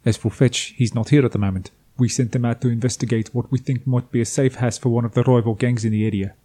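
A man's voice: mid-range voice, fairly even intonation, quick pace, warm tone, natural voice. A man voicing a cocky male gang member in a put-on South African accent, speaking in a wry, bargaining way. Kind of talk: game master voicing a character.

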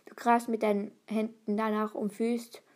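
Woman, higher voice, self-reading a quiz on camera; quick, stumbly, whispery asides. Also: flat delivery, a little mellow. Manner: reads quickly, stumbles and restarts, sometimes drops to a whisper. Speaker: video host taking a quiz. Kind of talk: reading a quiz aloud and answering.

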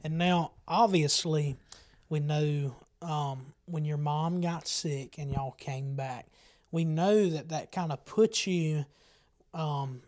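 A man's voice: a little high, takes it slowly, darkish tone. A man hosting a casual church talk show, asking rambling questions and affirming with amens. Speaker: host. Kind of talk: casual interview.

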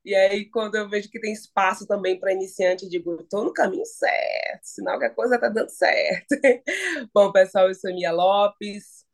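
A woman from Salvador with a Bahian accent, chatting as a podcast guest in a lively, playful way, laughing often. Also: medium pitch, normal speed. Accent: Bahian Brazilian Portuguese. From Salvador, Bahia, Brazil. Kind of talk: casual podcast chat.

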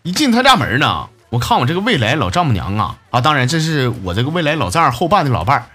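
A man's voice: mid-range voice, sing-song, fast, bright, forceful tone, faint music behind. A man hosting a comedy show, reading listener messages aloud and joking with laughs at his own punchlines. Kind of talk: comic radio-style monologue.

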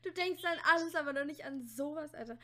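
A young woman with a high voice talking in a relaxed, casual way. She tells short anecdotes and uses plenty of slang. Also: fast. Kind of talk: casual chat.

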